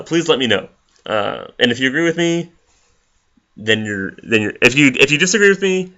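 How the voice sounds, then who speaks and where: A man's voice: mid-range voice, pushed and bright. A man ranting in a casual commentary vlog, swearing often and rambling with many fillers and restarts. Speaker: vlogger. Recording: dull lo-fi recording.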